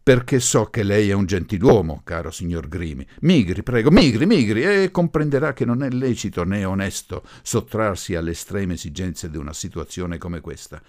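A man voicing a forceful middle-aged professor who speaks loudly and imperiously. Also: low-pitched, expressive, normal speed, hardly any pauses. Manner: imperious, insistent, loud.

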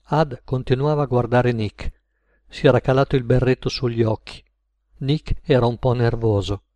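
A man narrates an audiobook story in a steady, measured way. His voice sits mid-range and the recording is close and dry, with no room around it. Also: medium pitch, no room sound.

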